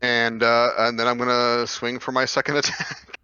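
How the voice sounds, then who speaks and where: A man's voice: medium pitch, little pitch movement, normal speed, bright, forceful tone, clean tone, no room sound, muffled recording. A man playing a tabletop game, eagerly explaining the rules in casual chat.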